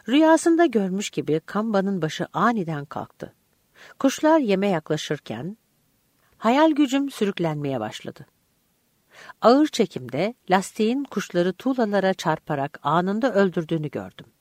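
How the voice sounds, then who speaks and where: An audiobook narrator reading a first-person story aloud in an expressive, vivid way. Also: medium pitch, dry recording, studio quality.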